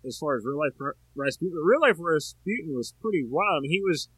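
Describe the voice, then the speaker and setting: Man, podcast co-host, bright husky voice, rambling casual movie chat, dry close sound. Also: fairly high pitch, fast talker, no room sound. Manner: animated, rambling, full of filler words.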